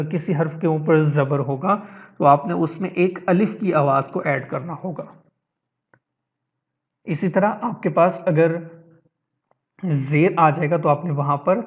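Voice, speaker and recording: A man's voice: fairly high pitch, vocal fry, highs cut off. A man teaching an online lesson on reading, explaining step by step, checking in with his listeners and mixing English words into his talk.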